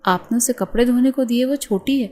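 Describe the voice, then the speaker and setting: Woman reading as a gentle teenage brother. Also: on the high side, pitched above the performer's own voice, lightly acted. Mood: tender. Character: protective teenage boy, gentle big brother.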